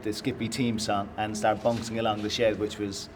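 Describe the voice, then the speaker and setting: A former player recalling a fan chant with quiet amusement. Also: male voice, fairly low pitch, flat delivery, normal speed. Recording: distant, noisy ambience.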